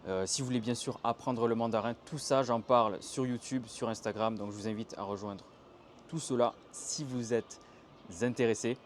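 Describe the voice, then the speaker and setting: Filmed on a handheld tripod camera by a canal in a Chinese city, a young French man gives a casual, chatty video lesson on Mandarin tones, acting out the intonations as he explains them. He speaks at a moderate pace in a medium-pitched voice, with slight background noise.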